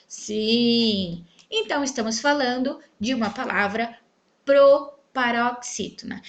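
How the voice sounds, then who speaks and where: A woman teaching a grammar lesson, speaking clearly and stretching out syllables to show the stressed one. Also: high-pitched, a bit bright. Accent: Brazilian Portuguese. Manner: clear, emphatic, stretches syllables when spelling out words.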